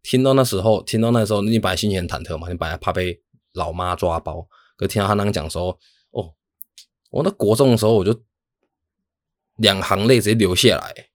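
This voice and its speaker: Fast-talking deep-voiced man. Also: dry recording, clean studio sound. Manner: rambling, self-mocking, talks fast with many restarts. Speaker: podcast host. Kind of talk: casual storytelling monologue.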